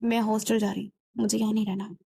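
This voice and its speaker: A woman's voice: medium pitch, flat delivery, quick pace, gravelly, dark tone, husky, dry recording. A woman voicing a defiant, headstrong young bride in a spoken romance story, firm in tone.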